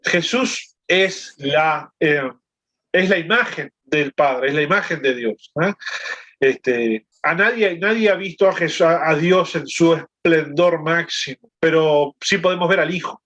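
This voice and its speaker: A man's voice: a little high, measured pace, fairly bright tone. A man leading a Bible lesson over a video call, explaining and often checking in with his listeners. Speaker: Bible study teacher.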